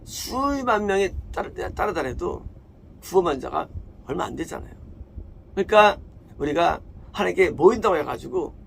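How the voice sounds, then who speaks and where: A man's voice: high-pitched, very animated, normal speed, creaky, slight background noise. A man preaching a sermon as a pastor, emphatic, asking questions and answering them himself. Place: church.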